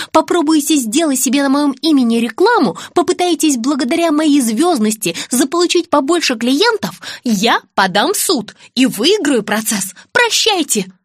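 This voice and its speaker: Woman voicing haughty blonde celebrity, arrogant, clipped threats, high voice, audiobook character. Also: no room sound, studio quality.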